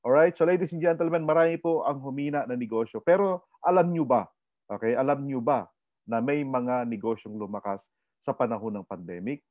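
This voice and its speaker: A man with a Filipino accent presenting an online business orientation, energetic, often asking the audience to agree. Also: mid-range voice, brisk, no room sound. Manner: animated, asks the audience questions, code-switches. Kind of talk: energetic business seminar talk. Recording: dry, slightly muffled webinar audio.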